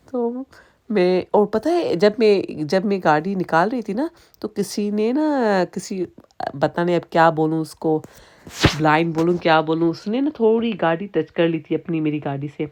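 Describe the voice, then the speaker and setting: This home vlog features a Sindhi woman in her thirties, a native speaker with a Sindhi accent, whose voice sits on the low side and sounds a little mellow and expressive. She chats casually and wanders, often restarting and slipping in asides.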